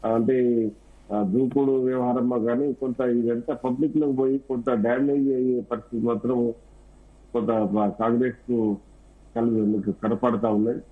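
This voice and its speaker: A man speaking as a political analyst in a live news debate, in halting, rambling speech full of fillers and restarts. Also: medium pitch, little pitch movement, slightly rough. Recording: tinny phone-line audio.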